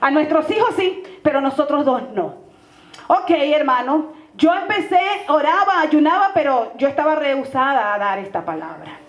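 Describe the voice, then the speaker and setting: A woman's voice: high voice, big pitch swings, normal speed. A woman pastor from Venezuela with a Venezuelan accent, fervently telling a testimony in a sermon and calling her listeners brother. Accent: Venezuelan Spanish. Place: church. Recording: roomy, dull lo-fi church recording.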